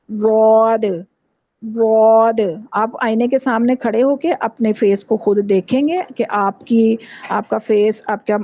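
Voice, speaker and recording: A woman teaching Quran recitation in an online class, explaining patiently and repeating sounds slowly to demonstrate. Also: fairly high pitch, dry recording. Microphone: video call. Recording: dull lo-fi call audio.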